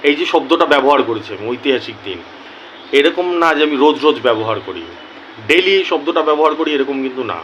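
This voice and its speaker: A man talking earnestly to his viewers as a YouTuber, slow and deliberate, often repeating key words for emphasis. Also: on the high side, lively intonation, a bit bright, lo-fi sound, slight background noise. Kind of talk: earnest casual talk to camera.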